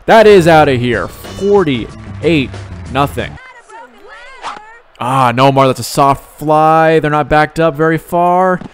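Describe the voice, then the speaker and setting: A young man commenting live on his own video game play, excitable, with sighs and sudden outbursts. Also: a little high, slow, soft background music. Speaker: gaming YouTuber.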